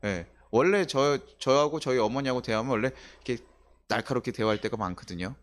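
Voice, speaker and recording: Man preaching a lively, chatty sermon. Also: mid-range voice, fast talker. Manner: conversational, asks the congregation questions, acts out quoted voices. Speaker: pastor. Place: church sanctuary.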